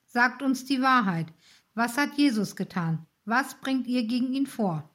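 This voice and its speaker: A woman reading the part of a stern, demanding male high priest in a storybook. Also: expressive, measured pace, a bit bright.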